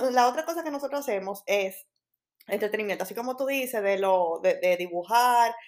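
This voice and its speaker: Unhurried mother of three. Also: mid-range voice, a little mellow. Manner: measured, hesitant with fillers, clears throat. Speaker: podcast co-host, mother of three. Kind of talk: casual chat.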